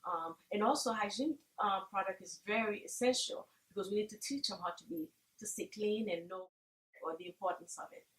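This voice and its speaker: A woman from Haiti who founded a charity, answering interview questions earnestly, halting with many fillers. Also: mid-range voice. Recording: echoey room.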